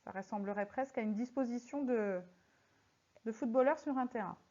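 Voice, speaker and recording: A fairly high-voiced woman teaching a lesson, pausing to tap out syllables one at a time. She speaks in a slow, deliberate way that makes each word stand out. The recording sounds slightly dull and lo-fi. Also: darkish tone. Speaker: French teacher. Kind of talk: recorded lesson correcting exercises. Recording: slightly muffled lo-fi audio.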